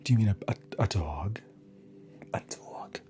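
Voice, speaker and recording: A man's voice: on the low side, a little slow, warm tone, slight background noise. A man whispering casually through an ASMR livestream, chatting with viewers and answering their comments between snacks.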